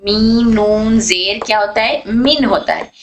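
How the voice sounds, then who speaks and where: A woman's voice: mid-range voice, a little slow, slight background noise, rough recording. A woman teaching a recitation lesson, explaining patiently and repeating and drawing out the example sounds. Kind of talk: online tajweed lesson.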